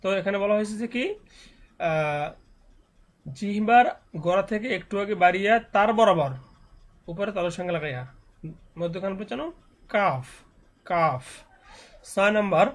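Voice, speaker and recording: A man teaching Quran reading, spelling out letters and syllables slowly and then explaining the pronunciation patiently. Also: sits high. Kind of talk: slow spelling drill and explanation.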